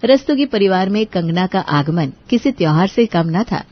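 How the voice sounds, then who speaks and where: A woman giving scripted storybook narration for a cartoon, telling the story smoothly and evenly. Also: lowish voice, expressive, moderate pace, muffled recording.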